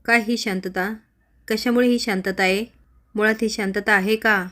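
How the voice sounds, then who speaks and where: A woman's voice: mid-range voice, steady tone, moderate pace, pushed and bright, lightly acted. A woman voicing a bossy middle-aged male officer who gives blunt orders. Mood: commanding. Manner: commanding and blunt.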